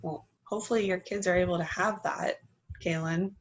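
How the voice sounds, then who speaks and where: Low-voiced woman agreeing on a video call. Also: steady tone, moderate pace, dull audio, slight background noise. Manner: agreeable, chatty. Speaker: meeting participant. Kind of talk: casual video call chat.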